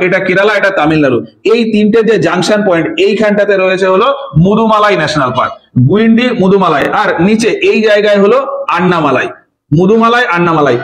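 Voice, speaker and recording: A man giving an exam-prep lecture over a map, drilling names by repeating them. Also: high-pitched. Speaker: teacher. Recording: echoey room.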